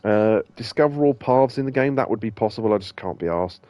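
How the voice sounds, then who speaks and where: With a lowish, mellow voice and lively intonation, a male gaming streamer and host briskly talks through his game, rambling with frequent ums and restarts. The casual let's-play has no room sound, but the audio is dull.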